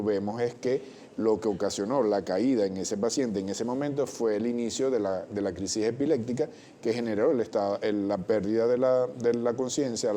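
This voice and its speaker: A man, a doctor explaining things as a guest in a television interview, measured and technical, often restarting words. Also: fairly low pitch, mellow, slight background noise. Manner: measured, technical, with frequent self-corrections.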